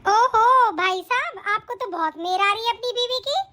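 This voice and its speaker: A woman voicing a spoiled, pregnant young daughter-in-law who sneers and whines in an animated family drama. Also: very high voice, moderate pace. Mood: smug. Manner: whiny, sneering.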